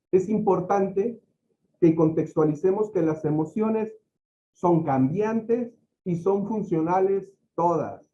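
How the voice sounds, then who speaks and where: Guy lecturing teachers, high voice, acts out little examples, dull lo-fi sound. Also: warm tone, slight background noise. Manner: explains with everyday examples, acts out quoted speech. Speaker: facilitator of a teacher-training talk.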